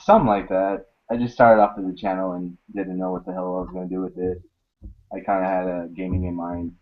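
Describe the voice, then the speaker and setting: A young man with a lowish voice talks loosely in a casual group hangout. His delivery is slangy and sweary, and the recording is dull and lo-fi. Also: little pitch movement, fairly quick.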